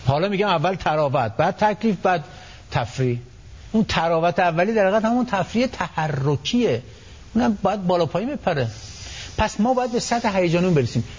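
A somewhat high, husky male voice explaining things on a radio talk program, animated and storytelling, slipping into little acted-out quotes. The broadcast sound is dull and lo-fi. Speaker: psychology expert guest.

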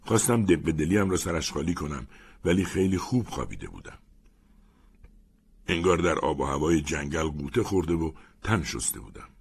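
A man narrating a first-person story in an expressive, animated reading. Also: extremely low pitch, creaky, husky.

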